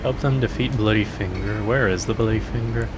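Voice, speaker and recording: A man's voice: lowish voice, brisk, noisy background. A man streaming a game, chatting playfully and joking to himself as he plays. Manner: playful, jokey, talking to himself. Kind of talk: casual gameplay commentary.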